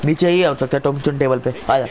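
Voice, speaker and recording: A man giving excited, chatty play-by-play of a wrestling video game like an informal commentator, often repeating his phrases. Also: mid-range voice, fast, crowd noise. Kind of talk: excited casual gameplay commentary.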